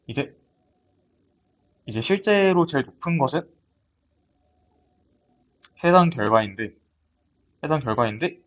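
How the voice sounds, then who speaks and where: A young man walks through a research paper in a lab seminar. His voice sits a little high and he talks hesitantly, often restarting his words. The audio is dull and lo-fi, as if from a computer mic. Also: expressive, measured pace, pauses often, a bit bright. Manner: hesitant, many restarts and fillers. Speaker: student presenter. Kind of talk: academic paper presentation.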